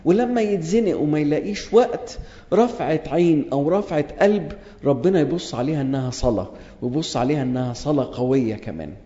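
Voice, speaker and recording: A man preaching a sermon with an Egyptian Arabic accent, earnest, reading scripture aloud and then restating it plainly, repeating key phrases slowly for emphasis. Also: a little high, lively intonation, mellow, roomy sound, big-room sound, highs cut off.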